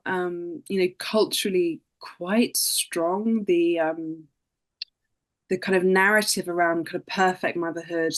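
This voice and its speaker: A woman author on a panel, speaking thoughtfully with many "you know" and "kind of" fillers. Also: fairly low pitch. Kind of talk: panel discussion.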